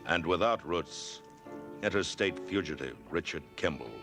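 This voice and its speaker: A very low-voiced man narrates a 1960s TV drama with solemn, portentous weight. Music plays behind him on an old soundtrack. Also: lively intonation, normal speed.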